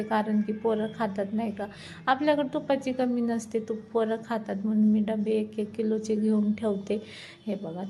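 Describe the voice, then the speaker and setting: A woman narrates her home cooking vlog in a chatty, easygoing way. Her voice sits a little high and has a gravelly, creaky texture. She keeps telling viewers to look as she moves around the kitchen. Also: dark tone. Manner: chatty, shows things to viewers as she cooks. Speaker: vlogger.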